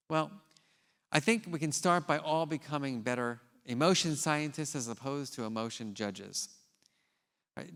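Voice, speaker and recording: Male keynote speaker, mid pitch, animated and casual, recorded in a theater with long reverb. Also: vocal fry. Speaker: scientist. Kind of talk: conference keynote with storytelling. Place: large theater stage.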